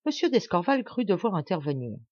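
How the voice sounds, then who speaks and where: A woman from France giving an expressive, measured literary audiobook narration. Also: fairly low pitch, slightly rough, dry recording. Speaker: audiobook reader. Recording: dull, dry home recording.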